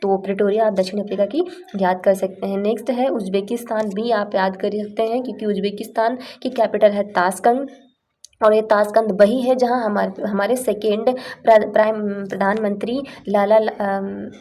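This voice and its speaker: Chatty teacher woman, mellow tone. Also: mid-range voice, steady tone, moderate pace. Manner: chatty, explains with playful rhymes and acted-out lines. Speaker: exam coaching teacher. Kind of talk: casual Hindi lesson with memory tricks.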